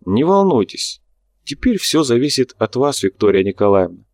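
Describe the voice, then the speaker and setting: A man voicing a hooded, secretive male official who gives calm, measured instructions in a muffled, hollow voice. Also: medium pitch, dry recording. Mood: instructing.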